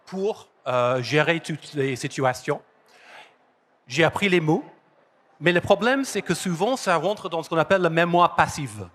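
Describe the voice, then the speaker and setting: A man with an English accent and a somewhat raised pitch gives a lively conference talk. He is from London, and the language is not his first. He drives home key phrases by repeating them. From London, England. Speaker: conference speaker. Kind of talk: conference presentation. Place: conference hall.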